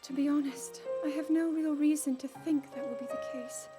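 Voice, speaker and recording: A woman's voice: sits high, steady tone, moderate pace, over music, close to an everyday voice. A woman playing an earnest, burdened teenage princess in a dramatic video game cutscene, with formal, emotive delivery. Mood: solemn, hopeful. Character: earnest, burdened sixteen-year-old princess, regal and yearning. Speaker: voice actor.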